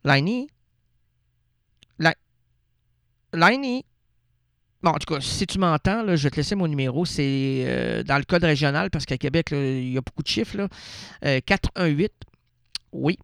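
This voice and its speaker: A man with a Québécois accent, hosting a community radio show with a rambling, absurd monologue, hesitant and playful with many pauses. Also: on the high side, gravelly, no room sound, studio quality. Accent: Québécois French.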